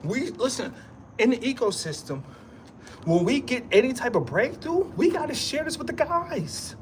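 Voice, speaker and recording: A man delivers a rambling pep talk straight to the camera, hammering the same lines again and again in casual street slang. His voice swoops high and low, and a thin hiss of background noise runs beneath it. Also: sing-song, moderate pace. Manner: repetitive, emphatic, streetwise slang. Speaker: vlogger. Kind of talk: rambling motivational monologue.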